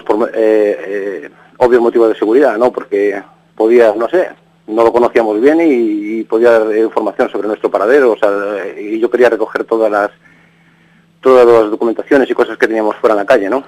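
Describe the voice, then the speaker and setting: On a low-quality radio broadcast, a middle-aged Galician interviewee with a lowish, darkish voice casually recounts events. His talk wanders, with sentences started over and ending in tag questions.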